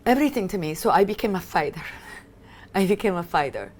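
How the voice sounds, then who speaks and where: Expressive and a little fast, this fairly low, slightly mellow female voice comes with slight background noise. It belongs to a woman in her fifties from Afghanistan, a film director and activist whose first language is Italian. She speaks emphatically and passionately as an interview guest.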